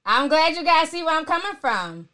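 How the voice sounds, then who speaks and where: A very high-pitched woman talks casually as host of her own live stream. She is sassy and outspoken, answering commenters bluntly and with plenty of slang. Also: sing-song, moderate pace, bright, forceful tone.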